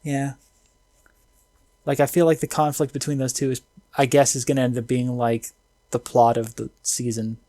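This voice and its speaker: Excitable slangy man, dry close sound. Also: medium pitch, normal speed, pauses often, no echo. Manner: excitable, slangy, filler-heavy. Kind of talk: casual anime review chat.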